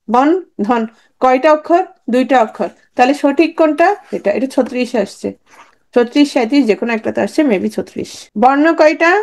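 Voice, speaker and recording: A woman's voice: high voice, darkish tone. A woman teaching an exam-prep grammar lesson in Bangladeshi Bengali, asking questions and answering them herself. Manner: quizzing, answers her own questions. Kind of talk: lecture on grammar.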